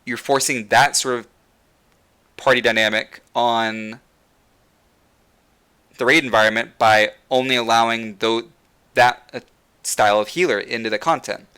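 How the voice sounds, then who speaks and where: Rambling, bright-toned man with a tired voice. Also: medium pitch, fairly even intonation, a little slow, long pauses, smooth. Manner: rambling, frequent fillers and restarts. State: losing his voice. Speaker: podcast host. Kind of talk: casual gaming discussion.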